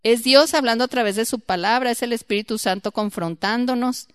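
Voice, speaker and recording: A woman giving a church Bible teaching, lively and questioning her group, acting out quoted voices. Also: a little high, fairly quick, clean tone, no room sound, clean studio sound.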